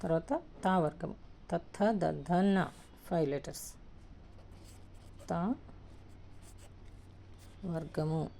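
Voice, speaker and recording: A woman with a Telugu accent teaching the alphabet, slowly repeating each letter one at a time. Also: fairly low pitch, vocal fry, mellow, slight background noise. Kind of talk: alphabet lesson, writing on a board.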